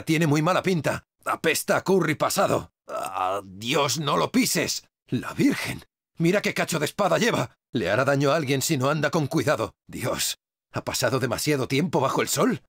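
A man with a Castilian Spanish accent voicing a tough, foul-mouthed male survivor in a video game, with barked combat shouts and crude wisecracks. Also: a little high, creaky, slightly rough, no echo, clean studio sound, heavily acted. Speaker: game voice actor. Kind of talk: video game dub lines. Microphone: dry studio dubbing mic.

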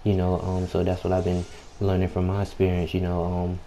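Late at night at home, with people nearby, a young adult gaming YouTuber gives laid-back, slangy commentary in an extremely flat, unhurried, deep and subdued voice. He repeatedly clears his throat and leans on "you know" as filler, and the low-quality home-mic recording carries background noise.

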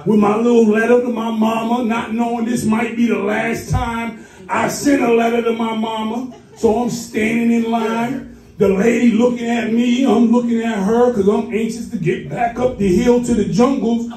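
A man from Boston doing a loud, crude stand-up set, shouting at the crowd in a comedy club. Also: extremely high pitch, little pitch movement, normal speed, distant mic. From Boston, US East Coast. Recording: roomy club sound from afar, music.

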